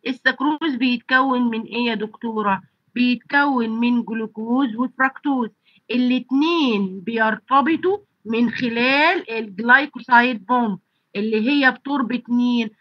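Teaching online with a blocked nose and throat, this pharmacy college lecturer has an Egyptian Arabic accent and a fairly high voice that runs a little fast. She answers the rhetorical questions she puts to students. A computer mic on a video call yields dull audio with no echo.

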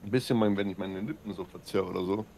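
Gravelly low-voiced man, casual chat. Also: fast, mellow, a little hiss or hum. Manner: mumbling, retells messages. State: bleeding gums, swallowing blood. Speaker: gaming streamer.

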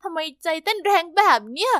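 A young woman tells her own story in first person with lively, emotive delivery. Her voice sits high, and the recording is close and dry with no room sound. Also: brisk, no room sound. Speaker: narrator.

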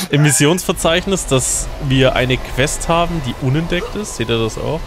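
A man's voice: fairly high pitch, normal speed. A man doing casual gaming commentary with crude, joking banter. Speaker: let's player in a co-op game session. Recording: game music behind the voice. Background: video game music.

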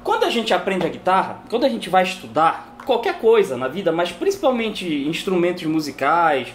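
A woman's voice: fairly low pitch, very animated, normal speed, slight background noise. A woman teaching guitar in a casual video lesson, chatting and tagging her sentences with a questioning "né?" while she demonstrates on the guitar at home.

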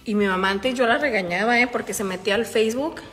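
A woman's voice: on the high side, fast, fairly bright tone, long reverb tail, soft background music. A woman with a Mexican accent telling a gossip story on her live stream, with a profane, slangy manner, addressing her viewers as girls. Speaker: livestreamer and online shop owner. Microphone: phone.

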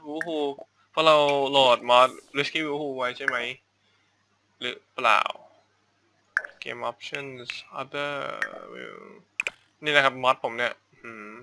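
A man's voice: medium pitch, sharp tone, slight background noise. A man giving casual let's-play commentary, rambling and thinking aloud as he goes, often repeating words while he decides what to do next. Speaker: gaming YouTuber. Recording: game music clearly behind the voice.

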